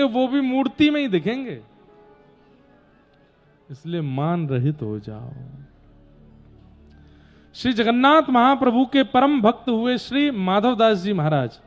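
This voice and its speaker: A man giving a devotional discourse, telling a sacred story to a gathering and now and then breaking into slow song. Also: extremely high pitch, expressive, dull audio, faint music behind.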